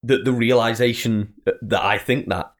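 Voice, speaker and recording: A man's voice: mid-range voice, fairly even intonation, moderate pace. A man co-hosting a podcast in casual, bantering conversation. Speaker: podcast co-host.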